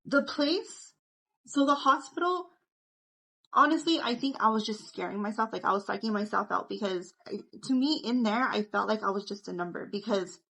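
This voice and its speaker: A woman's voice: medium pitch, animated, normal speed, creaky, pushed and bright, rough recording. A young woman telling her story to camera in a chatty way, filling her talk with "like". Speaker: vlogger.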